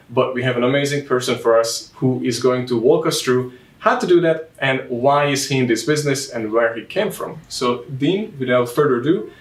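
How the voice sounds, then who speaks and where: A young male host opens an interview with energy and some clumsy phrasing. His voice sits at an ordinary pitch. The echo of the room and a mic some distance away give the sound an open quality. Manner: enthusiastic, slightly non-native phrasing. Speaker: podcast host. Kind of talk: casual interview hosting. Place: bright storefront room by a window, indoors. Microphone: lapel mic.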